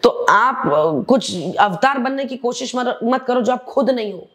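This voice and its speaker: In a candid interview chat, a woman who competed on a reality show speaks in a somewhat bright, animated voice on the high side, a little slowly. She is blunt and lively, often slipping into English phrases.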